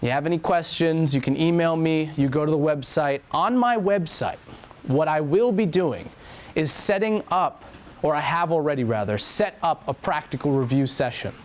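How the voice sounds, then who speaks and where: A man's voice: fairly high pitch, moderate pace. A young man teaching an anatomy and physiology lab review in a classroom, talking casually and repeating key points.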